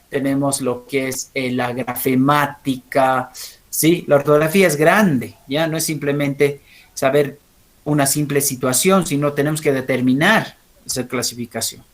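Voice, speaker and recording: High-voiced Bolivian teacher checking students' understanding. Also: male voice. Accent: Bolivian Spanish. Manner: keeps checking understanding with quick tag questions; asks students questions and calls on them. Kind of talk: classroom lesson.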